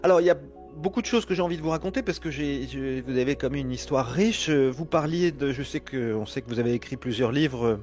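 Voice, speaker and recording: A man's voice: mid-range voice, fairly quick, hardly any pauses, soft background music. A man hosting a casual interview, asking questions with hesitations and frequent restarts. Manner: warmly curious, hesitant with many "euh" and restarts. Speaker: interviewer, host.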